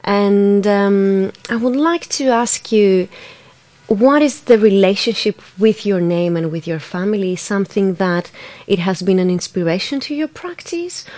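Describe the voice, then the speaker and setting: A woman's voice: mid-range voice, a little mellow, dry recording. A woman hosting a radio interview in a studio, English not her first language, asking formal questions while searching for words. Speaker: radio show host, interviewer.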